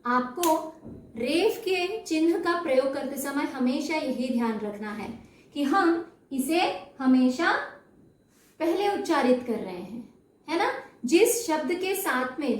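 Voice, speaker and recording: A woman's voice: high-pitched, lively intonation, takes it slowly, a little hiss or hum. A woman teaching Hindi spelling to children, drawing out syllables to model how they sound and often checking that they follow. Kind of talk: slow explanatory lesson. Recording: echoey room, mic at a distance.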